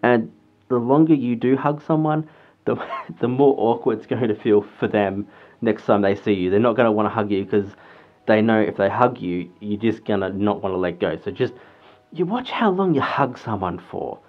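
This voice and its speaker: A man's voice: lowish voice, normal speed. A man speaking from inside a costume head, muffled, giving casual advice in a rambling way and laughing often. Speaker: fursuiter vlogger.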